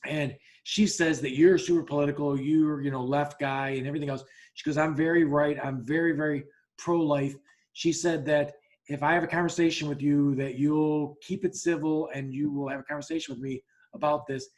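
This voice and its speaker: This man's voice is fairly high, gravelly yet a little mellow, and slightly fast. Hosting a relaxed podcast, he tells a story bluntly and with plenty of cursing, restarting repeatedly and voicing both parties in the conversations he recounts.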